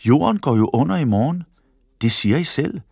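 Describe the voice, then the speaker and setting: A man's voice: medium pitch, animated, creaky, darkish tone, slightly rough, no room sound, clean studio sound, voice pushed up. A man voicing a sly, cheerful trickster in a children's storybook reading, teasing and matter-of-fact. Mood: smug.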